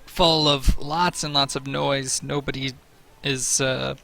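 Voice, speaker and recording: A man's voice: medium pitch, steady tone, slow pace, vocal fry, sharp tone, faint music behind. A man narrating a tabletop game as game master, in a loose, joking way with many fillers.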